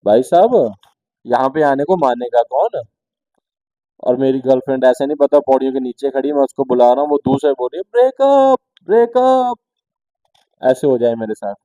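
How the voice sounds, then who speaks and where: A man's voice: medium pitch, fairly quick, dark tone, dry recording, lo-fi sound. A man doing stand-up, telling a chatty comic story and acting out both sides of conversations.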